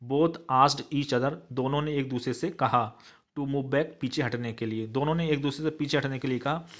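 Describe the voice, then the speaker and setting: Man slowly explaining an English lesson. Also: mid-range voice. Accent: Indian English. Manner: slow, word-by-word dictation of English with Hindi translation. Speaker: teacher.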